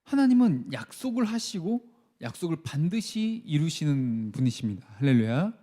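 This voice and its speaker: A man's voice: on the high side, big pitch swings, normal speed, warm tone. A man preaching a sermon as pastor. He leads the congregation in reading verses aloud and acts out the people's complaints.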